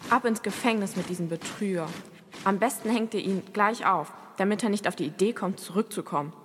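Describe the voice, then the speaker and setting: A woman's voice: medium pitch, brisk, big-room sound, slight background noise, lightly acted. A woman playing a smug, scheming lord who gives cruel commands in an audio drama.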